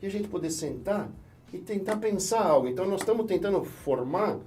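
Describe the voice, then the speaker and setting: A middle-aged man with a Brazilian Portuguese accent talks as a physician guest, explaining his points in a measured way with examples. His voice is warm and dark. He is picked up from a little way off the microphone. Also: high-pitched, expressive, slight background noise. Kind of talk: explanatory conversation. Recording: voice a bit distant from the mic.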